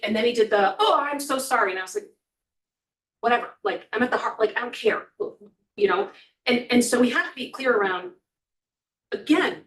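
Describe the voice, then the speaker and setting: A woman corrections official testifies before a committee in a legislative hearing room, explaining earnestly with frequent ums. Her voice is on the high side and a bit bright, and she is far from the mic, so she sounds off-mic in the echoey room.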